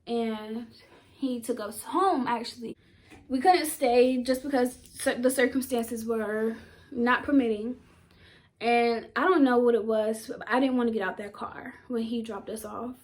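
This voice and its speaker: Young woman, vlogger, somewhat high-pitched, casual personal storytelling, heartfelt, emotional. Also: steady tone, measured pace.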